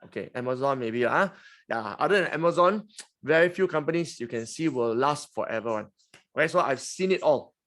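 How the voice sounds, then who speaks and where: A man's voice: mid-range voice, lively intonation, a little fast, a bit bright. A man in his forties with a Singaporean English accent, hosting a finance webinar in a chatty, teasing way. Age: 40s. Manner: chatty, teasing, frequent "okay?" and "huh?". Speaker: webinar host. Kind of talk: lively finance webinar talk.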